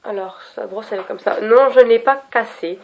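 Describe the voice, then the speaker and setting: A woman's voice: a little high, a little fast, slight background noise. Chatty French beauty vlogger woman. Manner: chatty, scattered, self-mocking. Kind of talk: casual product review.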